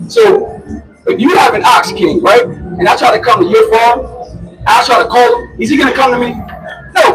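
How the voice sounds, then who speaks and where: High-voiced man preaching in the street. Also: distant mic, low-quality recording. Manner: emphatic, keeps asking listeners to answer back.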